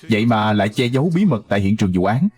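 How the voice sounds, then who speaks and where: Người đàn ông giọng khàn dẫn truyện. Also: male voice, fairly low pitch, big pitch swings, quick pace, a little mellow. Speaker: narrator. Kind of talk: dubbed drama recap narration.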